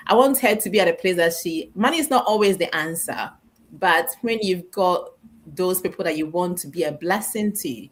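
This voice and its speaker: A woman from Ghana hosts a casual live stream over a video call. Her voice sits low, and she rambles warmly, with feeling. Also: normal speed. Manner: warm, emotional, rambling with laughs.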